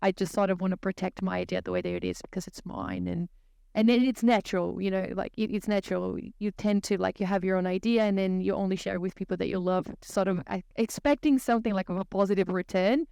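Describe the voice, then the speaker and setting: A woman with a Brazilian accent, explaining her ideas in a thoughtful, measured way as a podcast guest. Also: mid-range voice, creaky, warm tone, clear, resonant tone, dry recording, clean studio sound. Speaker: guest consultant. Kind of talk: podcast interview.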